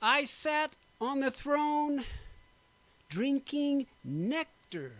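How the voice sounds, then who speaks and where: A man giving a dramatic poetry recitation, slow and emphatic, drawing out his words. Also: sing-song. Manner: slow, emphatic, drawn-out delivery with big pitch swings. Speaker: poetry performer.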